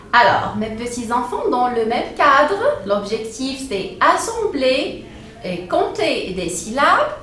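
A woman teaching young children to read, sounding out syllables slowly and with exaggerated care. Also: sits high, a bit bright, far from the mic. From Morocco. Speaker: primary school teacher. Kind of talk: children's reading lesson. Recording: very echoey room with faint ambient noise.

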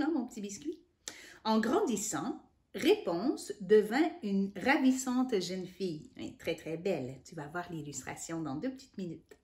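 A woman with a Québécois accent, hosting a children's story hour, reading a storybook aloud in an animated, sing-song way and talking directly to the child. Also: medium pitch. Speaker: children's storyteller and channel host.

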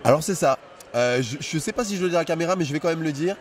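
A man's voice: fairly high pitch, animated, racing, recorded from a distance. A young man, a student club president, answers a street interview with eager talk, outdoors on a city campus with a handheld mic.

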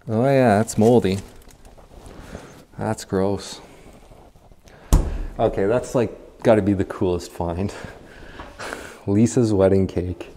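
Slow-talking man exploring an empty house. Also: lowish voice, dark tone, a little hiss or hum. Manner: chatty, easily amazed, quick laughs. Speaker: urban explorer host. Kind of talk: casual walkthrough commentary. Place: empty abandoned house, indoors.

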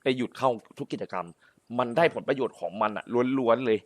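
A man's voice: medium pitch, lively intonation, fast. Man lecturing as a game gang boss. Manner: lecturing, repeats himself, exclaims. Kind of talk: in-character roleplay chat on a game server.

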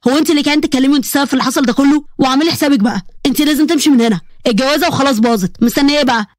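A woman voicing an exasperated, stern young man in an animated story, with an Egyptian accent. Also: sits high, rapid-fire, no room sound, studio quality, natural voice. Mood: irritated. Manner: irritated, stern.

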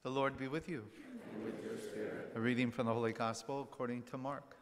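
A man's voice: medium pitch, very noisy. Man proclaiming the Gospel in a church. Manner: steady, measured proclamation. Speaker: deacon reading the Gospel. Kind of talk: liturgical Gospel reading. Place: church sanctuary at the ambo. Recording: long hall reverb.

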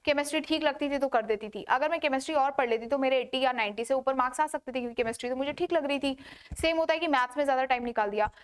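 A woman's voice: high-pitched, very fast, clear, resonant tone. A young woman giving casual, emphatic study advice to students, repeating her points and asking rhetorical questions.

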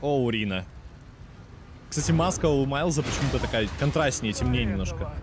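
Calm mid-pitched man gaming. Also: brisk. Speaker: gamer streamer. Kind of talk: casual game commentary. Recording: noisy game sound behind voice.

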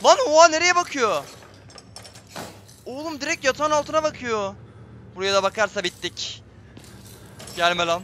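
A man's voice: very high-pitched, lively intonation, moderate pace, long pauses, pushed and bright, a little hiss or hum. A man giving tense, jumpy live commentary on a horror game, talking straight to his viewers. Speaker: gameplay streamer.

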